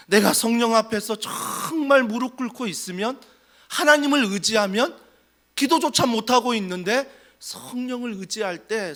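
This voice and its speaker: A man's voice: sits high, a bit bright. A male pastor preaching a sermon in a church, fervent and full of rhetorical questions. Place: church sanctuary.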